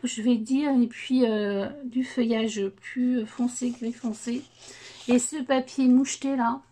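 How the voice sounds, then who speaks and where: A woman's voice: fairly high pitch, dark tone. A woman casually showing craft papers, hesitant and full of fillers, gushing over the patterns. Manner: hesitant, many fillers, enthusiastic about papers. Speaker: crafting vlogger. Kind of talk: casual unboxing chat.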